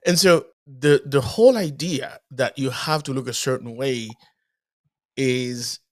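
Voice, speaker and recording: A podcast co-host from the Dominican Republic chats casually, often repeating words as he gets a thought started. His voice is mid-range and his delivery unhurried.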